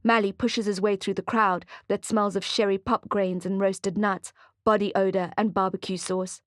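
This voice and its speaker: Female audiobook narrator, mid voice, measured thriller read, dead-dry booth. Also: medium pitch, level tone, dry recording. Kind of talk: scripted narration.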